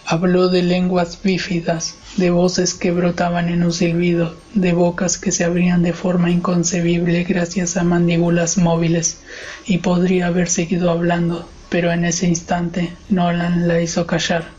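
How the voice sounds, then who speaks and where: A man narrating a horror story as an audiobook in a measured, even reading. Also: sits high, muffled recording, faint music behind.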